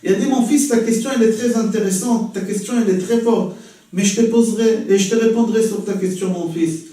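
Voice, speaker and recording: A man giving voice to a patient old rabbi, soft, calm and slow, with a high voice. The tone is mellow, and it rings through a very echoey room from a distance. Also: lightly acted. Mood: kindly.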